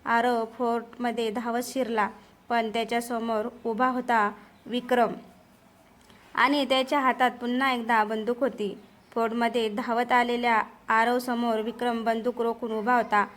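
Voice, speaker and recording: A woman's voice: fairly high pitch, little pitch movement, unhurried. Woman narrating a suspense story. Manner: dramatic, suspenseful reading.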